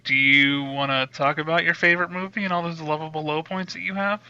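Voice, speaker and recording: A man with a fairly high, very bright, edgy voice, recorded on a dry, muffled lo-fi mic. He co-hosts a casual comedy podcast, talking wryly and laughing through his sentences. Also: fairly even intonation, a little fast, clean tone, dry recording. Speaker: podcast co-host. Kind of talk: casual comedic film review chat.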